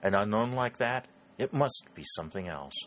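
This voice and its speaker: A man's voice: fairly low pitch, lively intonation, moderate pace, a bit bright, a little hiss or hum, voice pushed up. A man reading aloud, voicing a coarse and suspicious male politician in a storybook reading. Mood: scornful.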